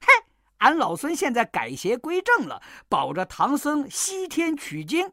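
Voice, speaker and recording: A bold male monkey king boasts in a storybook tale, as a storyteller does his voice. He sounds raised and brash, his pitch jumping about. The recording is dry and close. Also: wildly swooping pitch, a little slow, no echo, heavily acted. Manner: brash, shouting.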